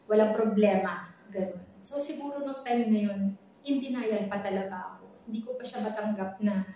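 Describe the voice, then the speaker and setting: A woman speaking softly and haltingly, mixing Tagalog and English as she shares a personal testimony in a vlog. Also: medium pitch. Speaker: college dean sharing a personal health story. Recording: strongly echoey room, faint background noise.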